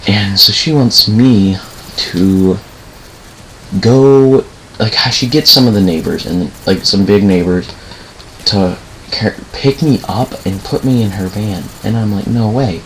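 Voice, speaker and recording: Deep gravelly young man telling a story. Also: takes it slowly, slight background noise, poor audio. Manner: rambling, self-correcting, swears casually. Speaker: gaming channel host. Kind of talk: casual storytelling over gameplay.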